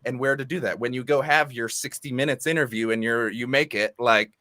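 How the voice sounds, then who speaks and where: A man speaks as a guest in a casual online interview, his tone bright and forceful. He rambles in a relaxed way, full of fillers and restarts. The sound is close and dry, with no room around it, as on a video call. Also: medium pitch, a little fast, no room sound. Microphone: remote video call.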